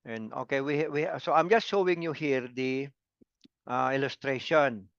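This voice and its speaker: A man's voice: medium pitch, measured pace, clear, resonant tone, no room sound, muffled recording. A man teaching English grammar in a lecture, repeating words and syllables and asking students to say them again. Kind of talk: slow classroom lecture.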